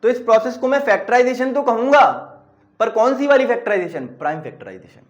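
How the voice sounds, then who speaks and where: A male maths teacher giving an online lecture. He repeats key terms, has the class call them back, acts out students' questions himself, and clears his throat often. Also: very high-pitched, expressive, a little fast, highs cut off. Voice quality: some English terms mixed in. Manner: voices students' questions himself and answers them, calls learners "dear children".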